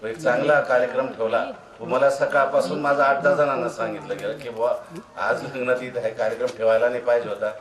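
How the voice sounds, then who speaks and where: A man giving an earnest, formal speech to former students at a reunion, somewhat halting. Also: medium pitch, fairly even intonation, reverberant, a crowd in the background, rough recording. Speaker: guest speaker at reunion.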